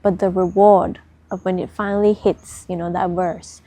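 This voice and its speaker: A woman's voice: fairly low pitch, level tone, moderate pace, dark tone. A woman giving casual spiritual advice in a direct, conversational way, often checking in with tag questions. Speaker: spiritual content creator.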